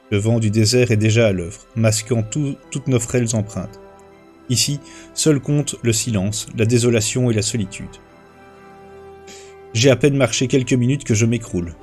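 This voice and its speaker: On a livestream, a man with a mid-range voice reads aloud his own first-person short story. His reading is steady and measured, with small slips and restarts.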